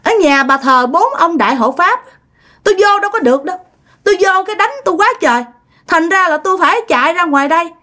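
A woman's voice: lively intonation, quick pace, bright, forceful tone, full character voice. A woman voicing the angry, defiant spirit of a dead teenage girl speaking through a possessed relative in a told ghost story. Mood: resentful. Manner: snapping, shrill, accusing.

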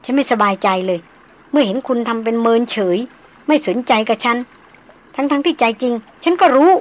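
A woman reading the part of a refined, self-assured young woman doctor, speaking slowly and deliberately. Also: a little high, animated. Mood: frank. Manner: slow, measured, deliberate. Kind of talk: audiobook character reading.

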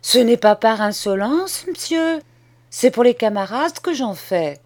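Brief: woman reading as a calm, defiant boy, high and firm, storybook audiobook. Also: a little slow. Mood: polite. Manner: polite, firm and unyielding. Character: bold, calm, defiant young schoolboy.

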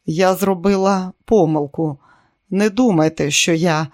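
A woman's voice: lowish voice, unhurried, a little mellow, lightly acted. An audiobook reader voicing a flustered, pleading woman who is a widowed diplomat. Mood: panicked. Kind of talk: audiobook character reading.

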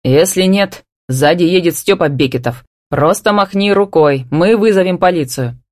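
A woman's voice: lowish voice, moderate pace, dry recording, clean studio sound, natural voice. A woman narrator voicing an angry, bossy older brother who barks orders. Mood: irate. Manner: shouting, bossy.

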